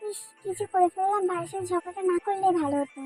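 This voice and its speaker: A woman's voice: very high-pitched, warm tone, soft background music, low-quality recording. A woman voicing a sulky, hot-tempered teenage girl in love who takes offence easily, in a dubbed fan drama. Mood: pleading. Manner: pouting, quick to take offence.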